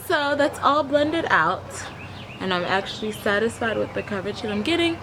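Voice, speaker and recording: A young adult woman with a voice on the high side sounds animated as she talks at an ordinary pace. She's a beauty vlogger in a leafy backyard, chatting to camera and walking through her makeup step by step while putting it on. The audio carries outdoor ambient noise and a traffic hum.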